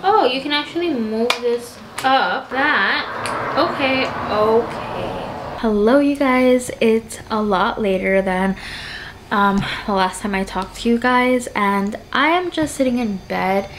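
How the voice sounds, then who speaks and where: A woman's voice: on the high side, slow pace, background noise. Chatty young woman vlogging at home. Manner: chatty, upbeat, filler-heavy. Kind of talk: casual vlog chat. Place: home living room and bedroom. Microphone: camera on tripod.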